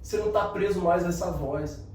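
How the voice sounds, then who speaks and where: A man's voice: high voice, brisk, darkish tone. A man giving an emphatic motivational talk, speaking straight to the listener. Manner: emphatic, coaching the listener directly. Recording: very echoey room, distant mic, faint ambience.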